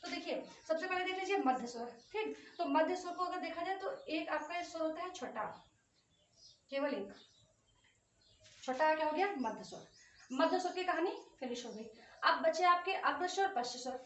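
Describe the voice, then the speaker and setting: A woman's voice: extremely high pitch, lively intonation, normal speed. A woman teaching a Hindi grammar lesson for exam prep. She says sounds aloud and draws out the long ones, checking in often with students. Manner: drills vowel sounds aloud, stretching long ones, with frequent "ठीक है" check-ins. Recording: echoey room, voice a bit far from the mic.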